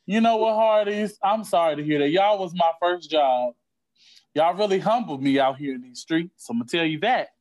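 A man's voice: fairly high pitch, moderate pace, darkish tone. A man co-hosting a casual podcast chat, laid-back and playful, with lots of "you know" fillers. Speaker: podcast co-host.

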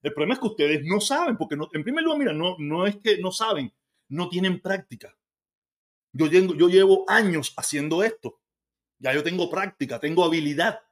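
A man's voice: high voice, animated. A man from Cuba with a Cuban accent, hosting a casual livestream and answering viewer comments in a heated, argumentative way. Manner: heated and argumentative, talks fast and repeats himself. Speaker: livestream host.

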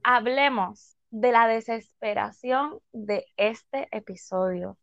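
Una mujer con acento puertorriqueño que comenta una serie en charla casual, emotiva y excitable, mezclando frases en inglés. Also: female voice, fairly high pitch, slow pace, creaky, dry recording, highs cut off. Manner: emotional, excitable, mixes English phrases. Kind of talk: casual chat.

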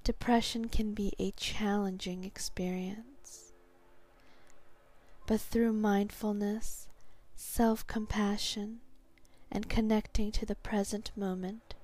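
Woman, hypnotherapy guide, very slow pace, mellow relaxed voice, soft and breathy, calm meditative tone. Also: mid-range voice.

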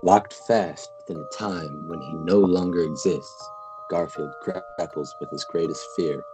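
A man giving a mock-dramatic spooky reading of comic strips, slow and theatrical. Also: deep voice, music in the background, low-quality recording. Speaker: podcast co-host.

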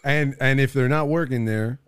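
A man's voice: medium pitch, moderate pace, a little hiss or hum. An American man co-hosting a podcast, chatting casually in slang and often repeating short phrases. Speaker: podcast co-host. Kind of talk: casual bantering chat with slang.

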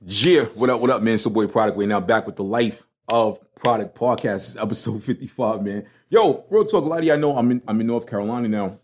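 Brooklyn guy doing his podcast, lowish voice, slangy casual talk, lots of emphasis. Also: brisk, hardly any pauses. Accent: Brooklyn, New York. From Brooklyn, New York. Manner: slangy, emphatic, conversational storytelling. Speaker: podcast host.

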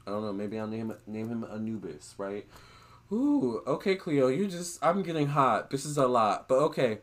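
A chatty man talking straight to camera in a casual monologue. He relays what a spirit is telling him in an animated, gossipy way and throws in gushing exclamations along the way. His voice sits at an ordinary pitch for a man. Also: normal speed. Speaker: vlogger relaying a spirit's words.

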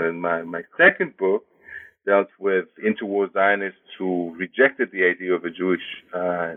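Deep-voiced man on a tinny line. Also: no room sound. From Israel. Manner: thoughtful, many hesitations and restarts. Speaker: guest, history professor. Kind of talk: interview answers. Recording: tinny phone-like line, dry.

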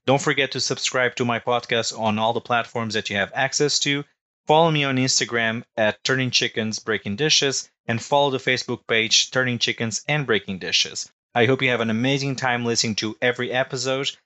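Man, Portuguese accent, podcast host, upbeat, bright tone. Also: medium pitch, brisk. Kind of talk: podcast interview.

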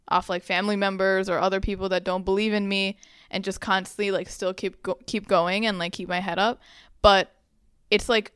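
Young woman, podcast co-host, casual chatty delivery, gravelly edge, dry close sound. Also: mid-range voice, a bit bright, dry recording. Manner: chatty, many fillers. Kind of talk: casual chat.

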